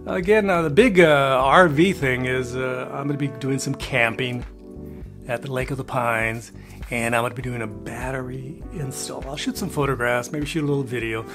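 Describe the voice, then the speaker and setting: A man's voice: mid-range voice, moderate pace, music in the background. Folksy older man rambling about RV plans. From Texas. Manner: rambling, many "uh" fillers, folksy asides. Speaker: RV travel vlogger. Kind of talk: casual talking-head update. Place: plain indoor room, grey wall.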